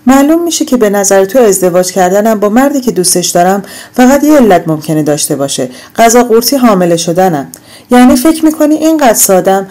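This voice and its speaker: A woman's voice: medium pitch, warm tone, lightly acted. A woman reading an audiobook, voicing a defiant young adult daughter who argues with her mother in a raised, indignant voice.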